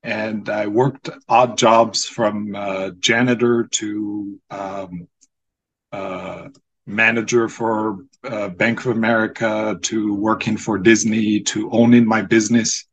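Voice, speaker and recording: A man in his forties from Morocco, a native Arabic speaker, introducing himself as a podcast guest in a measured way with frequent ums. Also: on the low side, little pitch movement, breathy edge, low-quality recording. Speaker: podcast guest, former student. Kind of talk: casual interview.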